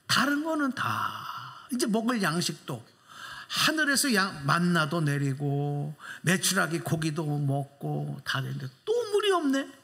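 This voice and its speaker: A pastor preaches an emphatic sermon in church with a bright, forceful tone. He presses the congregation with rhetorical questions and swings his pitch widely for emphasis.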